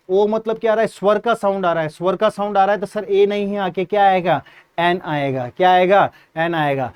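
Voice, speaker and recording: A man's voice: high voice, clean tone. A male teacher, giving an exam-prep English grammar lesson, repeating points, quizzing students and spelling words out letter by letter.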